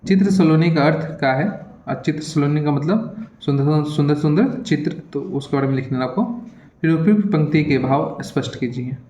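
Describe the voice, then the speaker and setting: A man with a slightly raised voice works through an exam paper as a teacher, reading each question and explaining the answer in a hurried, repetitive way. The sound is dull and lo-fi, bouncing around an echoey room. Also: on the high side, warm tone. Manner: repetitive, keeps checking in with "theek hai"; hurried, reads questions aloud then explains.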